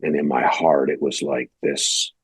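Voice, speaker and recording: A man's voice: a bass voice, flat delivery, measured pace, slightly rough, dry recording. A male pastor from Detroit, Michigan, telling his story in a casual, rambling interview and acting out the lines of other people. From United States (Detroit, Michigan). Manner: conversational, rambling, acts out quoted dialogue.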